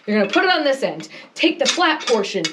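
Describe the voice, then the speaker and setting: Deep in an underground coal mine tunnel, a high-pitched woman leads a guided tour, chatting, explaining as she goes and slipping in jokes. She's very animated and fairly quick. A visitor's camera catches her at varying distances, with a faint hiss behind her.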